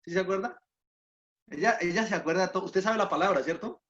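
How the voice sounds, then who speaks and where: A man, a pastor, telling family stories in a casual chat at home, earnest and halting with fillers. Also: sits high, fairly bright tone. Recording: dull lo-fi sound.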